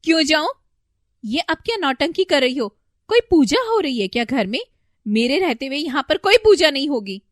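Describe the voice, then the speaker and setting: A defiant, sharp-tongued young daughter-in-law in a storybook cartoon, as a woman plays her. Her voice is high and lively, and she talks loud and commanding. The sound is close and dry. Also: normal speed, no echo. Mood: defiant scolding.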